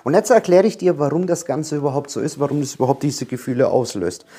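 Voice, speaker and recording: A man's voice: fairly high pitch, expressive, quick pace, warm tone, slightly rough. A man giving a motivational self-help monologue, talking earnestly and directly to the viewer and repeating his points. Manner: earnest, repetitive, speaks straight to the viewer.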